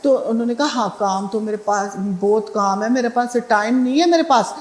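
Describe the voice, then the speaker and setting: A woman's voice: a little high, moderate pace, echoey room. A middle-aged woman sharing a devotional testimony in a conversational way, with fillers and restarts. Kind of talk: spoken satsang testimony.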